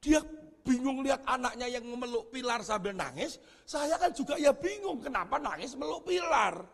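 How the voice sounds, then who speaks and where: A male pastor with a strikingly high voice delivers a sermon, swinging his pitch up and down. He tells stories with lively energy and laughs at his own jokes. His voice rings through a church hall with a long reverb. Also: moderate pace.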